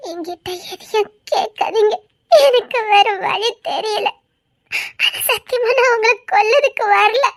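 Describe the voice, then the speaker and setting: Woman acting a weeping, pleading young woman, very high pitched, audio drama heroine. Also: measured pace. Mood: desperate confession. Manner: weeping, pleading, laughing through tears. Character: tearful young woman torn between love and a forced mission.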